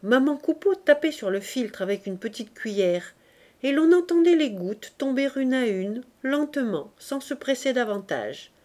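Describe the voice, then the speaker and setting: A woman narrating a novel aloud in a measured, even reading. Her voice sits somewhat high for a woman. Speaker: audiobook reader.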